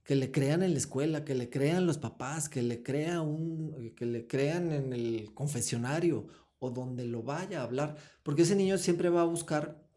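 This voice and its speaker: A man's voice: a little high, a little slow, mellow. A man, founder of a foundation, explaining earnestly as an interview guest. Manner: explanatory, acts out short dialogues with children.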